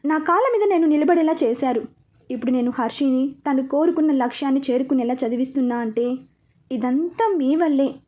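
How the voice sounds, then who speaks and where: A stern, hot-tempered young man who scolds and gives orders, as a woman storyteller reads him in her own mellow, high voice. Sharp and commanding in an audio storybook. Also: a little fast, lightly acted.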